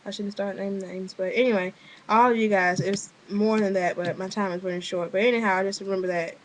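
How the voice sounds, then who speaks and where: A woman's voice: medium pitch, steady tone, fairly quick, low-quality recording. A young woman giving a casual, rambling video diary update, full of fillers and restarts and an offhand, frustrated edge. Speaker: vlogger.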